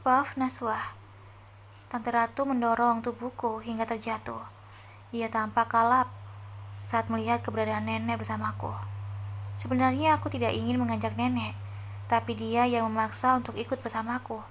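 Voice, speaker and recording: A woman's voice: a little high, normal speed, a little hiss or hum. Woman narrating an audio novel. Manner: steady storytelling, first-person voice. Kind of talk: audiobook reading.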